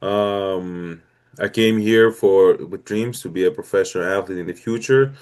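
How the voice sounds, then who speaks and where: A Greek man in his twenties speaks in a low voice with a darkish tone and a Greek accent. He is a guest athlete, upbeat and earnest, telling his story in a casual interview.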